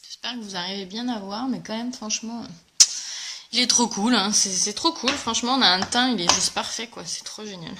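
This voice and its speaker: A woman with a bright, clear voice hosts a casual live makeup tutorial. She talks in a bubbly, chatty way, full of fillers, and greets her viewers while she demonstrates. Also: mid-range voice, fairly quick, a little hiss or hum. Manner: chatty and enthusiastic, many fillers. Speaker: makeup presenter.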